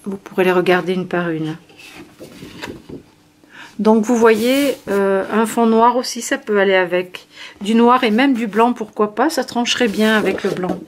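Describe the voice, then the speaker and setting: A woman's voice: mid-range voice, measured pace. A woman casually showing new scrapbooking papers and tools from her shop, talking with frequent hesitations and fillers. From France. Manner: hesitant, many fillers, friendly. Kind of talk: casual product show-and-tell.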